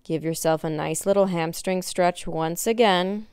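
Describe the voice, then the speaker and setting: A young woman leads a workout in the manner of an aerobics instructor. Her voice is slightly low and very clean, with little room echo. She gives encouraging cues while doing the exercises herself. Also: unhurried, darkish tone, smooth, studio quality. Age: young adult. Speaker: fitness instructor. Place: indoor wood-floored exercise studio.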